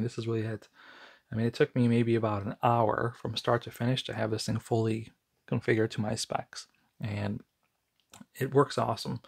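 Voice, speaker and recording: Speaking in a mid-range, slightly mellow voice that's gravelly and husky, an American man offers an unscripted, casual product review. He talks conversationally, though somewhat haltingly.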